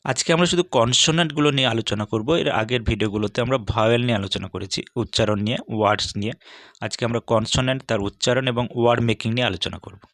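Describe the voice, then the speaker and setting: A man giving a steady, measured lesson as an English teacher, walking through letters one by one. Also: mid-range voice, no room sound, clean studio sound. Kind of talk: scripted lesson on English consonant sounds.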